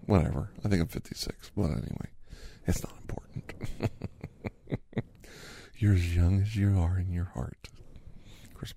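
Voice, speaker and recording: A man's voice: deep voice, vocal fry, mellow, a little hiss or hum. A man doing a whispered role-play as a chatty doctor in his fifties who gives a massage, rambling easily in a half-whispered voice. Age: 50s. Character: chatty fifty-something male doctor giving a massage. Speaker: ASMR host.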